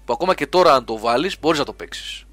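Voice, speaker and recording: A man co-hosting a casual podcast about video games, explaining at length with plenty of quick repeated yeses. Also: a little high, expressive, a bit bright, no echo, faint music behind. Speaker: gaming podcast co-host.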